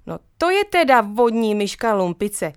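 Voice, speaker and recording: A woman's voice: a little high, sing-song, smooth, no echo, clean studio sound. Woman doing a playful cheerful mother. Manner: playful, teasing.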